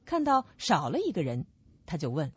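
A woman narrating a radio story in a steady storyteller's manner. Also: sits low, moderate pace, breathy edge, dry recording. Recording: dull lo-fi recording.

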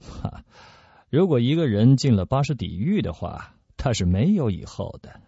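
A man's voice: mid-range voice, very animated, dark tone, breathy edge, no room sound, full character voice. A man playing a cold scheming cardinal. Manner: measured, dismissive. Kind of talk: radio storytelling. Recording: dull lo-fi recording.

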